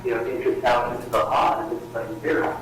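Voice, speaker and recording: A man talking from jail on a prison phone call, rambling and halting with lots of fillers. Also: mid-range voice, flat delivery, a bit bright. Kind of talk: casual phone conversation. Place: jail cell. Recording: distant echoey jail phone line with faint noise.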